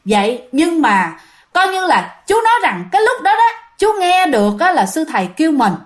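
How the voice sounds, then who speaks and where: A woman's voice: high-pitched, big pitch swings, normal speed. A woman with a Southern Vietnamese accent, casually retelling a ghost story and chatting directly to her listeners.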